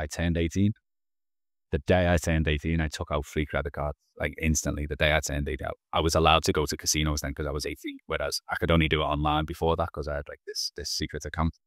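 Fast and rumbling low, the man's level voice comes through clean studio sound with no room reverberation. He's in his thirties, a podcast guest joining by video call in headphones from a small room indoors, earnestly recounting his own life and repeatedly restarting his phrases.

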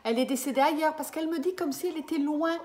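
Her voice sits high and a little mellow, and she races along as she gives a live reading to a client. She's a woman in her fifties working as a medium from a small room via desk webcam, hesitant, filler-heavy, and frequently checking in.

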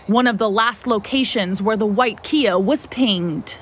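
A woman field reporter narrating a local TV news story in a measured, clear delivery. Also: medium pitch, fairly bright tone, muffled recording, slight background noise.

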